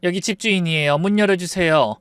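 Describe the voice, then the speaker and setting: Man voicing a calm, cunning mother. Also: high voice, a little fast, clean tone, dry recording, voice pushed up. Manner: calm, matter-of-fact.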